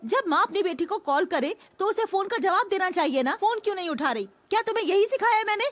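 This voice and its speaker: Lady doing a fussy drama-queen mom, high voice that swoops up and down, bit of music. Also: very animated, brisk, husky, no room sound. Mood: scolding. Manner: scolding, theatrical complaints. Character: dramatic middle-aged mother, easily upset. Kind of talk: Hindi dub of a TV drama.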